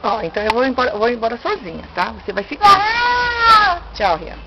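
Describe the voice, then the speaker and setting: A woman's voice: on the high side, expressive, very fast, dull audio. An older woman with a Brazilian accent, a grandmother coaxing a toddler to walk at home with repetitive, sing-song urging. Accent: Brazilian Portuguese. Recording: home video with loud background noise.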